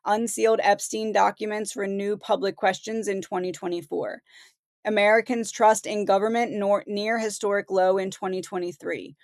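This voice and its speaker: This gravelly, mid-range female voice belongs to a channel host who is losing her voice. She reads out headlines and offers relaxed, conversational commentary, recorded dry with studio quality.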